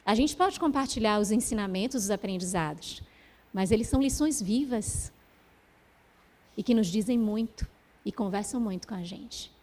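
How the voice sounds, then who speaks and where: A middle-aged woman giving a spiritual talk, telling a personal story gently and from the heart, with pauses. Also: medium pitch, animated. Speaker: spiritual speaker.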